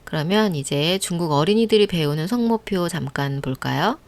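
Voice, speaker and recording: A woman teaching Chinese pronunciation in a lesson, drilling syllables slowly and loudly with patient explanations. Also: lowish voice, lively intonation.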